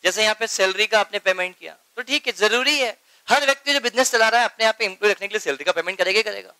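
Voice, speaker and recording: Guy teaching accounts, high bright voice, keeps asking if students get it, dry close sound. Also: very fast, clean tone, no echo, rough recording. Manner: keeps asking students if they follow, calls them beta; mixes Hindi with English accounting terms. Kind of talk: classroom lecture.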